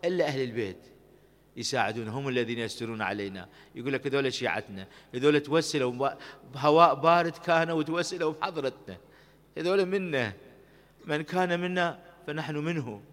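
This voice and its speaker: A man's voice: mid-range voice, quick pace, fairly bright tone. A man with an Iraqi Arabic accent preaching a sermon at a shrine, impassioned and pleading, with some lines chanted melodically. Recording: long reverb of a large hall.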